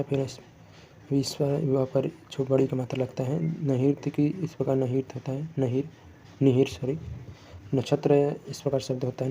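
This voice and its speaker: A man's voice: medium pitch, mellow, highs cut off, slight background noise. A man teaching Hindi spelling for exam prep, going word by word and often correcting himself. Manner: self-correcting, repetitive word-by-word explanation.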